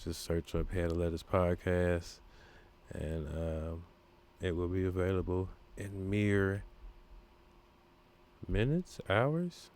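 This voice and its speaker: A man's voice: low-pitched, level tone, takes it slowly, darkish tone, clean tone. A man hosting a solo podcast in a laid-back, rambling way, full of fillers and slang. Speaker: podcast host. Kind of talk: casual solo podcast talk.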